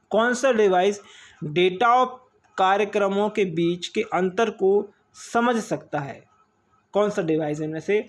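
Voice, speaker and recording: A man with a voice that sits high teaches an online exam-prep quiz lesson. He asks each question, repeats the answer, and says "okay" often.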